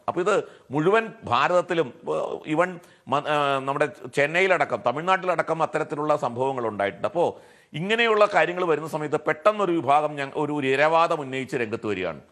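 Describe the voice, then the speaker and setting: A man with a Malayali accent argues his case as a panelist on a television debate, frequently throwing out rhetorical questions. His voice is a little high and a bit bright, with lively intonation and a fairly quick pace.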